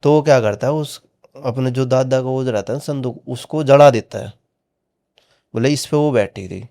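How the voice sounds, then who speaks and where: Man, podcast guest, casual storytelling, mellow tone, quotes dialogue. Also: mid-range voice, moderate pace. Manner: retells dialogue with many "he said" tags.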